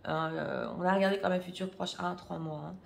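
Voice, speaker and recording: A woman's voice: on the low side, steady tone, moderate pace, gravelly, echoey room, a little hiss or hum. A French-speaking woman reading tarot cards for her viewers in a casual, hesitant way, full of fillers and restarts. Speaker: tarot reader.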